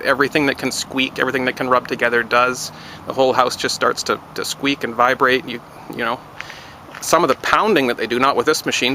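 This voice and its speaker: A man's voice: mid-range voice, bright, forceful tone, a little hiss or hum, poor audio. A man talking frankly in a casual outdoor vlog, rambling and wry, near a construction site. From Canada. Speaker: vlogger.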